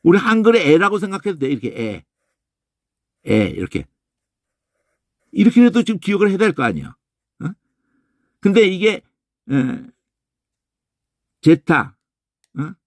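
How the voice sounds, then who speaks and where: Animated Korean man teaching in a lecture. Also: normal speed, pauses often, dry recording, studio quality. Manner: emphatic, lively demonstrating, repeats phrases with sudden pitch jumps; casual speech, trailing questions. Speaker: Bible language teacher.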